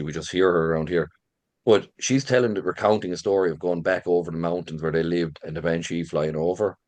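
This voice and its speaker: In an informal interview, a middle-aged rural Irish man, a visitor centre manager and local folklore storyteller, recounts legends in a lilting, chatty way. His voice is low and a little mellow, and there's no echo.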